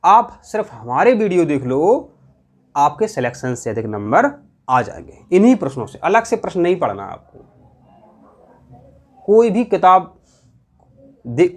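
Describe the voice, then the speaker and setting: Man teaching exam prep, fairly high voice, asks questions and drills the answers. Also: big pitch swings, unhurried, long pauses. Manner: repeats answers, asks questions aloud, colloquial. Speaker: quiz teacher.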